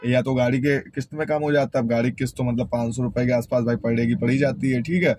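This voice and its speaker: A man's voice: medium pitch, fairly even intonation, fast, darkish tone, slight background noise. A young man chatting casually to viewers in a vlog, a ride-hailing driver who keeps calling them brothers and friends. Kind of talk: casual vlog talk to camera.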